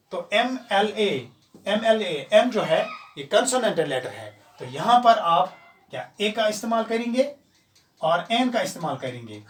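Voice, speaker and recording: A man teaching an English grammar lesson, explaining step by step and repeating examples slowly. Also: high-pitched. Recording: echoey room, voice from far off.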